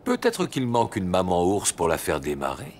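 A man's voice: low voice, huge pitch swings, normal speed, darkish tone, slight background noise. A man voicing a cheerful, playful papa bear who speaks in a jolly, teasing way.

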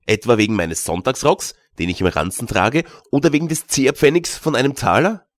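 A man's voice: mid-range voice, brisk, no echo, clean studio sound, natural voice. A man reading an audiobook, voicing a bold young journeyman who scoffs and lectures his nervous companion. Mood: scoffing.

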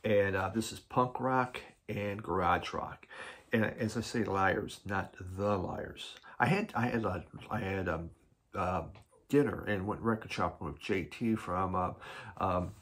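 A man's voice: sits low, a little slow, fairly bright tone. A man hosting a record collecting video, chatting casually and rambling with lots of fillers as he reviews albums. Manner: rambling, filler-heavy, enthusiastic about records. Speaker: record collector vlog host.

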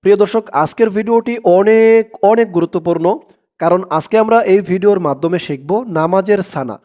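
A man's voice: high-pitched, brisk, dark tone. A man teaching prayer recitation, spelling it out syllable by syllable and drawing out the Arabic words. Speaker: Quran teacher.

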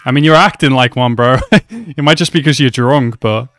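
A young man reacts casually to an anime episode from a small room at home, using a headset mic. His medium-pitched voice is a bit bright at normal speed, and he's chatty, swears a lot and calls the characters "bro."

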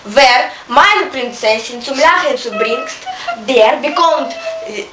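A woman's voice: high voice, expressive, slow pace, noisy background. A young woman with a Ukrainian accent playing a worried king who pleads with his weeping daughter, in a school play. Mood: pleading. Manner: pleading, earnest. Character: fussing, worried old king and father. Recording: echoey room from far off, music behind.

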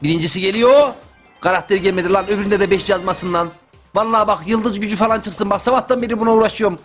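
A young man giving excitable, slangy live commentary over his gameplay as a gaming YouTuber. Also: sits high, quick pace, faint music behind. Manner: excitable, slangy, talks to himself and viewers.

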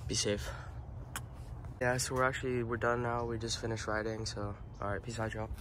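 A young man chatting casually for a vlog in slangy, excitable talk while out riding dirt bikes. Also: mid-range voice, moderate pace. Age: young adult. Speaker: vlogger and dirt bike rider. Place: outdoors, in vehicles and open desert. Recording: noisy outdoor recording, motorcycle engines. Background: dirt bike engine noise.

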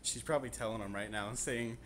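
A man's voice: lowish voice, brisk, slight background noise. A man chatting casually and off the cuff as a prank caller. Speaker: prank caller and video host. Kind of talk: casual improvised chat.

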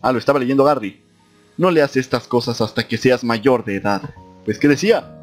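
A young man narrates his playthrough of a horror game in a playful way. His voice sits at an ordinary male pitch but jumps into high yelps when startled. Faint guitar music plays behind him. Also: normal speed. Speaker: gaming YouTuber. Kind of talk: let's play commentary, reading game text aloud.

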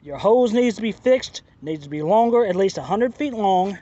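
Standing outdoors by a driveway and lawn, a man reviews a product casually for a handheld phone camera, speaking plainly and repeating his complaints. His high, mellow voice has lively intonation and a moderate pace, and the sound is lo-fi.

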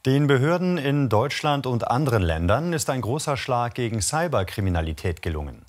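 A man presenting the news as anchor, formal and even. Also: medium pitch, a little fast.

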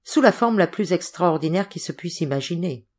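A woman reads a literary audiobook aloud in scripted narration. Her voice sits on the lower side, and she keeps a steady, expressive pace through the story. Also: normal speed.

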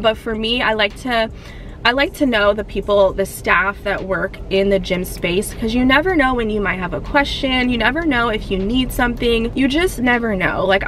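A young woman in a fitness vlog, talking bluntly and in an animated way, recorded from the dashboard of a parked car. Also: mid-range voice, slight background noise. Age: young adult. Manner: blunt, animated, sassy, gestures while talking. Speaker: fitness vlogger. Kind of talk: casual chatty vlog. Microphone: camera on the dashboard.

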